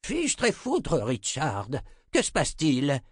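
A man's voice: a little high, huge pitch swings, breathy edge, dry recording, clean studio sound, voice pushed up, full character voice. A man voicing a cranky old wizard. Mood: cranky, indignant. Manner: cranky, exclaiming, quick to complain. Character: grumpy old male wizard, blustering.

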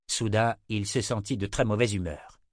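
A man narrating a fantasy novel in an even, measured reading on a close microphone. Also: fairly low pitch, dry recording. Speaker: audiobook narrator.

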